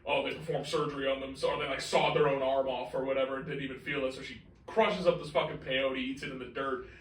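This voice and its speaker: A man's voice: mid-range voice, steady tone, fast talker. A man co-hosting a casual film podcast, swearing freely and peppering his talk with "like". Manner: profane, filler-heavy with frequent "like". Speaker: podcast co-host. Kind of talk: casual movie chat. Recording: roomy, distant mic, faint noise.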